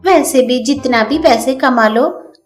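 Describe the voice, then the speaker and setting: Brief: an old street peanut seller woman, sharp and plain-spoken, high voice, a woman puts her on. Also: slow, soft background music. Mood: cheeky. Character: old peanut-selling grandmother, blunt.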